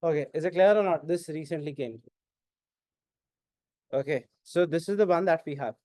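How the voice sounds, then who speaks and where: A man with an Indian English accent teaching an exam-prep class, mixing Hindi and English and often asking whether it is clear. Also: on the high side, extremely slow, mellow, no echo. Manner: keeps asking "is it clear?", questions and answers his own prompts.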